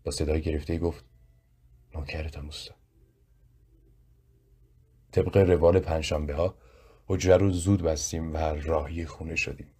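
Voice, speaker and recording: A man narrating a story in a slow, measured, reflective way, with a husky voice. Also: rumbling low, steady tone, mellow. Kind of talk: audiobook narration.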